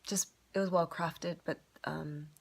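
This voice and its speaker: Low gravelly woman musing aloud. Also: fairly even intonation, unhurried. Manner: rambling, full of "like" and "you know", self-searching. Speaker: storyteller reflecting on a performance. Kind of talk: casual confessional monologue.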